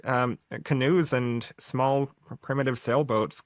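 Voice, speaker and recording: A man's voice: medium pitch, steady tone, slow pace, no echo, clean studio sound. A man hosting a podcast, chatting casually and often restarting his sentences. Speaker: podcast host. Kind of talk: casual conversation.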